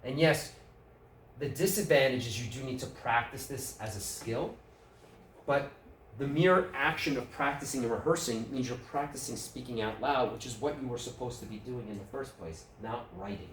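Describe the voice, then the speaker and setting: A man with a New York accent, medium pitch and moderate pace leads a public speaking workshop in a club meeting room, speaking casually and asking the audience questions. The mic is distant, making the sound roomy with faint room noise.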